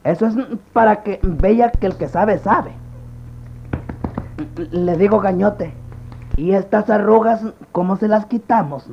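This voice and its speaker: A man playing a cocky, blustering, bungling rustic barber in a slapstick comedy sketch, with a pinched, creaky voice and a Central American accent. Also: high voice, slow, pauses often, dull audio, slight background noise, heavily acted. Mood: cocky, busy.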